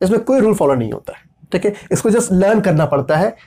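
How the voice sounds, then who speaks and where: A man's voice: high-pitched, lively intonation, fast talker, warm tone. A man with teaching a grammar lesson, patiently spelling out letters and checking in often with his listeners. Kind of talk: explanatory lesson.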